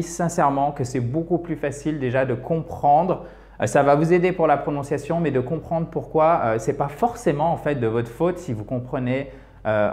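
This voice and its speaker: A man's voice: fairly high pitch, darkish tone. French-speaking man teaching English. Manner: explanatory, repeats points, frequent "d'accord" and "ok". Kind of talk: video lesson.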